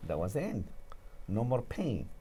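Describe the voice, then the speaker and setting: A man's voice: medium pitch, huge pitch swings, measured pace, mellow, breathy edge. A man from Peru with a Peruvian Spanish accent, telling a personal story earnestly as a talk show guest.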